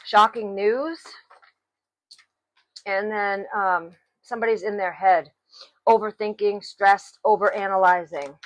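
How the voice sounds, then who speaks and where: A woman giving a tarot reading, speaking slowly and deliberately and clearing her throat now and then. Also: mid-range voice, fairly even intonation, a little hiss or hum, low-quality recording. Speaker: tarot reader.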